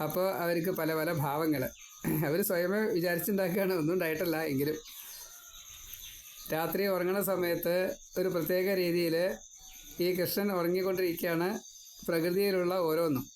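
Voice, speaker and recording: A man giving a devotional scripture discourse, retelling and explaining the story in a measured, storytelling manner. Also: fairly high pitch, darkish tone, a little hiss or hum, poor audio. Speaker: scripture teacher.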